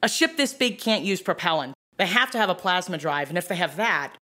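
A woman's voice: on the low side, lively intonation, a little fast, sharp tone. An actress playing a fierce, foul-mouthed female starship captain in an audio drama, brash and commanding.

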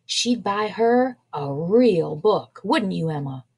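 A woman's voice: mid-range voice, lively intonation, slow pace, darkish tone, breathy edge, exaggerated voice. A woman voicing a teasing young boy, the older brother in a read-aloud storybook.

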